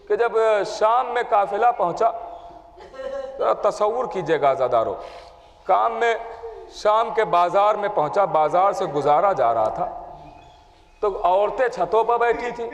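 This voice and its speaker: A man, a cleric telling a mourning story in a sermon with emotive, dramatic delivery. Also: very high-pitched. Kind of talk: majlis sermon narration. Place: mourning gathering hall. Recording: long hall reverb.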